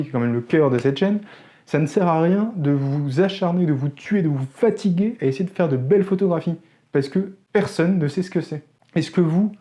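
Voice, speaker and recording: A man's voice: on the high side, mellow, highs cut off. A man hosting a photography channel, talking casually to camera in an opinionated way with wry joking asides.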